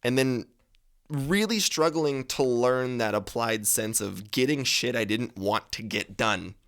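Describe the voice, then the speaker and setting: With a mid-range, slightly bright voice and a measured pace, a man in his twenties offers advice on his podcast. The monologue is casual and meandering, and he swears freely while correcting himself along the way.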